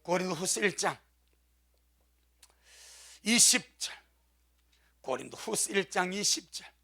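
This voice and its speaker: High gravelly Korean pastor preaching. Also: male voice, lively intonation, pushed and bright. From South Korea. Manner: emphatic preaching, repeats key phrases, slow scripture reading. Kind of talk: sermon. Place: church.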